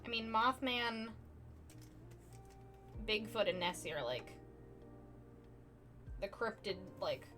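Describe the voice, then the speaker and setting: Speaking slowly with long pauses, a woman with a medium-pitched voice and lively intonation talks over music. Drawing on a live stream from her couch at home, she chats casually, rambles, makes fun of herself and leans heavily on "like."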